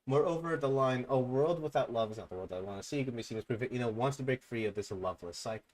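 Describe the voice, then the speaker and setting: Mumbling quietly through fan theories, a young streamer keeps erupting into loud bursts of excitement, all at a quick pace.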